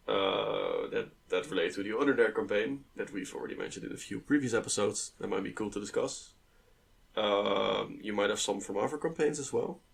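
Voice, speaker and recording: A man's voice: on the low side, gravelly, far from the mic. A man co-hosting a tabletop gaming podcast, rambling and self-deprecating as he thinks aloud. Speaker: podcast co-host and dungeon master. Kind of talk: casual podcast chat.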